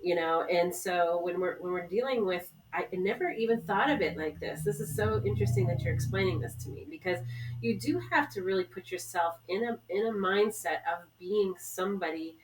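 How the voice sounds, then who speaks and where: A woman's voice: lowish voice, recorded from a distance, slight background noise, low-quality recording. A woman co-hosting a casual podcast, talking in an enthusiastic, chatty way. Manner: enthusiastic, chatty, quick to chime in. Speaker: co-host.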